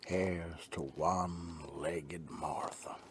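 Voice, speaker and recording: A man playing a salty old fisherman in a soft-spoken ASMR roleplay, telling sea tales to kids in a breathy, rambling half-whisper with folksy gruffness. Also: low-pitched, steady tone, very slow, heavy background noise. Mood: folksy, teasing.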